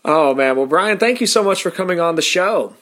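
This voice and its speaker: A man's voice: high-pitched, lively intonation, brisk, fairly bright tone. A man hosting a podcast, chatting with a guest and reading the outro, often repeating words as he starts sentences. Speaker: podcast host. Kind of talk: casual interview and show outro.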